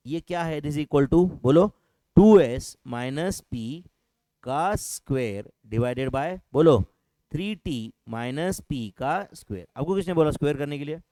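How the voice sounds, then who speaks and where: A man leads a classroom maths lecture, firing rhetorical questions at his students and slowing to dictate each term. His voice sits fairly high but sounds mellow and soft-edged. The recording is dry and close, with no room echo. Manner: slows right down to dictate English terms. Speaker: maths teacher.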